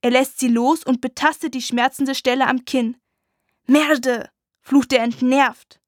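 A woman narrating a dramatic first-person audiobook in a slow, hushed, intense way. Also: high-pitched, little pitch movement, no echo, studio quality.

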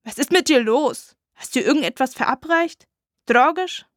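A woman's voice: high voice, expressive, normal speed, fairly bright tone, no echo, studio quality. A woman voicing a curt young man in an audiobook, firing off short questions at a girl. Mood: puzzled. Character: young man, gruff then gentle.

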